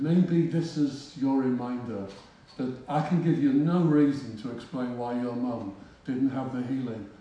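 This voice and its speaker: A man tells a story from the pulpit in a chatty, self-mocking way. His voice is mellow and warm. He sounds set back from the microphone in a very echoey hall. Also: mid-range voice, recorded from a distance. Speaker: preacher. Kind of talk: storytelling sermon. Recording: roomy hall, voice from off-mic.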